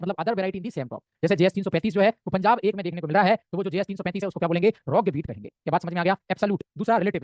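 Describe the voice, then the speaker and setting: Indian male tutor, high and very fast, dry close sound, quizzes the class nonstop. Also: a little mellow, no echo. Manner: rapid, keeps asking "samjhe?" and answering himself. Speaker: teacher. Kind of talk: exam-prep lecture.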